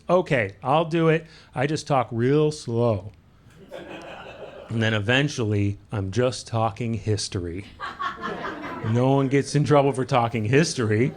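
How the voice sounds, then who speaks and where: Man, stand-up comic, self-amused, handheld mic, live club, audible room noise. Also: medium pitch. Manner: self-amused, playful crowd work. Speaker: stand-up comedian. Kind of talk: stand-up comedy set. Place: comedy club stage.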